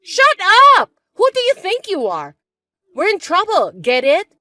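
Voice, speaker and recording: A woman voicing a spiteful, bossy young stepsister who talks in a shrill, mocking, shouty way. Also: big pitch swings, a little slow, no room sound, studio quality, heavily acted. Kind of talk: chat-story voice acting.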